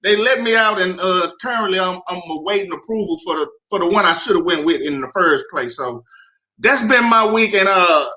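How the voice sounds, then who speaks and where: A man hosting a podcast, telling a profane, animated story in a casual, laughing way. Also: high-pitched, fairly quick, dull audio. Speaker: podcast host.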